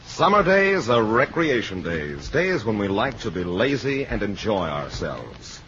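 A man delivers a scripted 1940s radio commercial. He sells with measured emphasis and lively, varied pitch. The recording sounds muffled and old. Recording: dull, noisy vintage radio recording.

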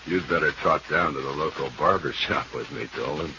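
A muffled, hissy old radio drama recording. an easygoing, droll small-town fellow with an extremely deep voice. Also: male voice, a little fast, pushed and bright, full character voice. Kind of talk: 1940s radio drama acting.

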